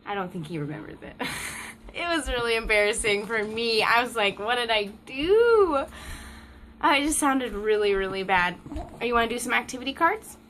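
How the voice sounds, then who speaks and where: A woman's voice: on the high side, a little fast, pushed and bright, slight background noise. A mom vlogger chatting casually to the camera at home, laughing often and breaking off to talk to her toddler. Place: family home, indoors.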